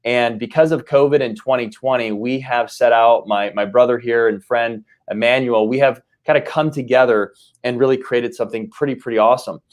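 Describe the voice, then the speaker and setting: A man's voice: mid-range voice, fairly even intonation, fairly quick. Upbeat man hosting a live talk. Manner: upbeat, many fillers and restarts. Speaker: host and company CEO. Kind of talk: live-streamed conversation.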